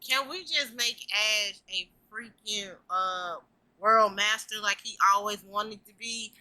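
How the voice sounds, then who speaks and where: A woman's voice: medium pitch, takes it slowly, sharp tone. A woman in her late twenties venting emphatically in casual chat. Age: late 20s.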